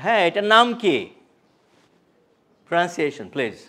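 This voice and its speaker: High-voiced man teaching a class. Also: moderate pace. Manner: animated, quizzes the audience, mixes English into Bengali. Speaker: English communication trainer. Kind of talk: live classroom workshop.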